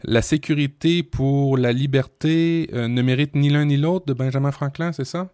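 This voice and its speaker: A man's voice: medium pitch, normal speed, mellow, clean tone, no echo, clean studio sound. A man with a Québécois accent co-hosting a tech podcast, talking casually with many hesitations and fillers. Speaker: podcast co-host.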